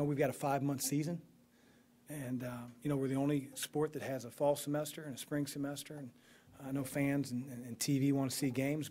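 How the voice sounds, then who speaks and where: A man in his forties stands at a podium in a press room and fields postgame questions as a basketball coach. He talks things through with lots of fillers and restarts, steady and measured. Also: medium pitch, a little hiss or hum. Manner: measured, thinking aloud with many fillers and restarts. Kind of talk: postgame press conference answers. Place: press room in front of a sponsor backdrop. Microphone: podium microphone.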